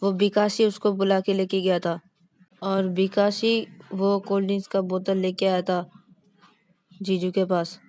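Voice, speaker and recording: A woman's voice: medium pitch, flat delivery, a little slow, dark tone, dry recording, natural voice. Woman voicing an earnest younger sister. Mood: soothing. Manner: pleading, explaining earnestly.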